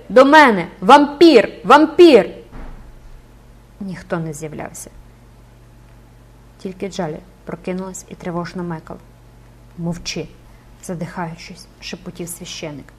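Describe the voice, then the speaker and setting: A woman's voice: lowish voice, darkish tone, slight background noise. A woman narrating an audiobook dramatically and expressively, rising with the action.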